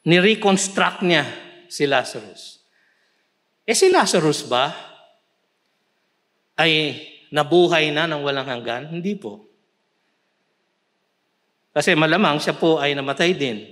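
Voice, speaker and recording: A man with a Filipino accent preaching a sermon, mixing Tagalog with English scripture quotes and swelling into emphatic shouts. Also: a little high, lively intonation, slow, long pauses. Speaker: pastor. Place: church.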